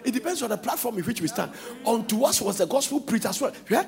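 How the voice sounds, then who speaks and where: A man preaching a sermon in a singsong, shouting style, breaking into laughter between points. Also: very high voice, big pitch swings, fast, vocal fry, long reverb tail, faint music behind.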